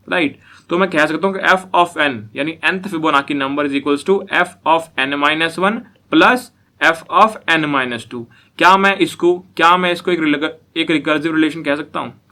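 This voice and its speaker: A man's voice: on the high side, sharp tone. A young man giving a casual coding lecture, often repeating himself and checking whether listeners follow. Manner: repetitive, asks listeners if they follow. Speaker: programming teacher.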